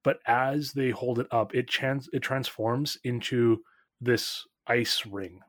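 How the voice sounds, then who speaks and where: A man's voice: mid-range voice, steady tone, slow pace, a bit bright, no echo, clean studio sound. A man narrating as game master in a tabletop game, casual, with lots of fillers.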